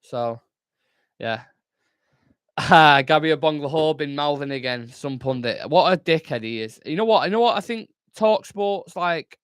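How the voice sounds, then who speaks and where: A man's voice: fairly high pitch, expressive, measured pace, smooth, no echo. Brief: young man, fan-channel host, loose sweary live chat, dry close-mic sound. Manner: casual, chatty, swears freely, reads chat aloud. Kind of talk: live football watchalong chat.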